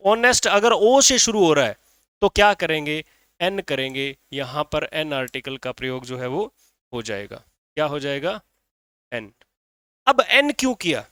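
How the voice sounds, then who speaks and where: A man's voice: high-pitched, pushed and bright, clean tone, no room sound, clean studio sound. A man teaching a grammar lesson in Hindi, who keeps saying "ठीक है" and asks and answers his own questions.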